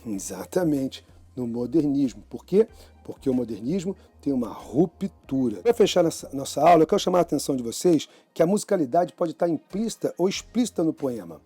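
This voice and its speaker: A man's voice: on the high side, mellow, husky. A man with a Brazilian Portuguese accent teaching a literature class online, explaining eagerly and calling on his students. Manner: enthusiastic, explanatory, addresses students as "gente".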